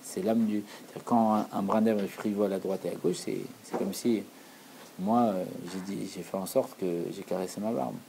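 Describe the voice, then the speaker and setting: Male Torah teacher, earnest and explanatory, warm dark tone, faint hiss behind. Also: on the low side, fairly even intonation, moderate pace, creaky, poor audio. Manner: earnest, repeats key phrases for emphasis.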